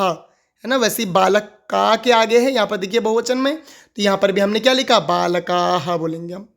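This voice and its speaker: A teacher explaining a grammar lesson, asking questions aloud and answering them, repeating each key word several times. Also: medium pitch. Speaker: Sanskrit teacher.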